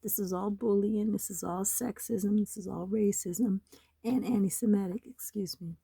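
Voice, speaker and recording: A hoarse woman with a slight cold, talking in a rambling, aggrieved and urgent way in a home vlog. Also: medium pitch, fairly even intonation, normal speed, warm tone, no echo. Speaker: nonprofit website owner. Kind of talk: screen-recorded vlog. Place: home in the desert.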